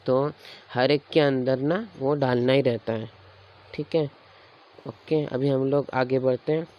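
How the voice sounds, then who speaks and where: Slow, patient male teacher, lo-fi. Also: mid-range voice, steady tone. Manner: patient, repeats each sound aloud to demonstrate. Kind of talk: Hindi grammar lesson. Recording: dull lo-fi recording.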